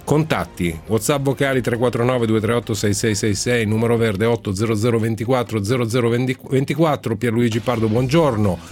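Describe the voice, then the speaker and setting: A man's voice: mid-range voice, brisk, few pauses, darkish tone. A man hosting a radio talk show in a conversational way. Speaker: radio host. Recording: faint music behind the voice. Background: faint music.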